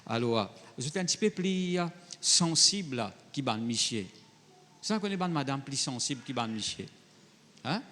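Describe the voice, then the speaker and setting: A man's voice: medium pitch, lively intonation, moderate pace, bright, forceful tone, in a large hall. A male pastor preaching a sermon in a conversational way, reading Bible verses and then talking straight to the congregation. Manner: conversational preaching, mixing French with Creole phrasing.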